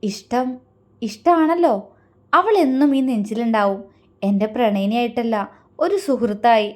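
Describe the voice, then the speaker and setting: A woman voicing a calm young man who talks quickly and gently, reassuring. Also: a little high, lightly acted. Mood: gentle.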